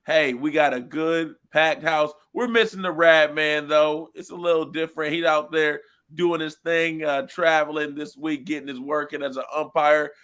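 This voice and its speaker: A man hosting a live sports talk show in a studio, animated and hyped, with loud exclamations. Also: a little high, normal speed, few pauses, clean tone. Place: small studio.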